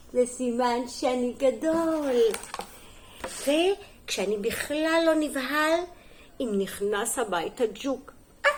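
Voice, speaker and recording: A middle-aged woman with a high voice teaches kindergarten and is reading a storybook aloud to young children. Her delivery is gentle and sing-song, broken by small asides and questions.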